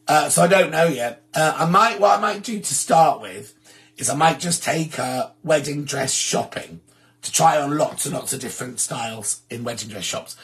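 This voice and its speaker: A man with a sore, hoarse throat hosting a live stream, chatting casually and reading out viewer comments. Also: a little high, a bit bright. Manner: chatty, rambling, self-deprecating.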